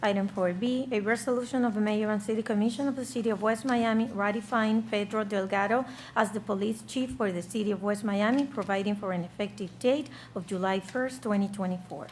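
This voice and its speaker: A woman's voice: medium pitch, fairly even intonation, a little fast, few pauses. A woman speaking as a city clerk, formally reading out meeting business over a meeting room microphone. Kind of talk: formal reading of roll call and agenda. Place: indoor public meeting room. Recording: meeting room mic with clear background noise.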